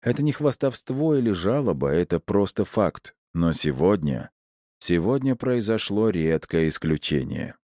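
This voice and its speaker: A man with a very deep voice narrates a first-person audiobook. His storytelling is measured and wry, and the dry, close sound has no room echo around it. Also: sing-song, a little mellow.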